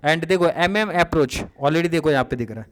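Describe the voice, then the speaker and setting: Young man, teacher, casual revision lesson, checks understanding often, slightly high voice. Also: lively intonation, brisk.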